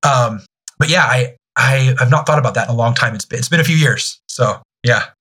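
A man in his thirties, a youth ministry director, speaking candidly as a podcast guest, pausing and restarting often. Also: mid-range voice, sharp tone, husky. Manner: halting, many restarts and fillers.

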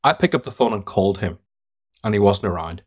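Speaking in a lowish voice with lively intonation at a fairly quick clip, an Irish man guests on a podcast interview as a sales trainer. He tells his stories emphatically and hands out blunt verdicts.

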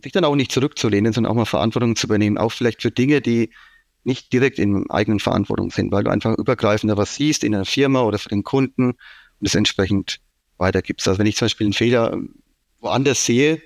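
A man from Franconia, an IT manager with a Franconian German accent, is the interviewee in a casual business talk, giving lengthy explanations with many fillers. He speaks at a quick pace with a fairly low pitch, and the recording is dry.

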